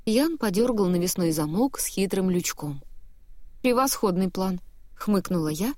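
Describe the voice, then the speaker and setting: A woman reading a first-person novel as an audiobook, in a lively, expressive style. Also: on the low side, normal speed, no echo, studio quality. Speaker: audiobook narrator.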